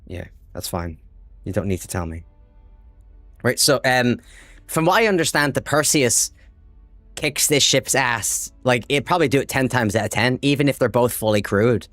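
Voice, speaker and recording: An Irish man chatting casually while livestreaming a game, excitable and swearing freely as he talks to his chat. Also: medium pitch, moderate pace, no echo, soft background music. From Ireland. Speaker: livestream gamer. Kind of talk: casual live gameplay chat.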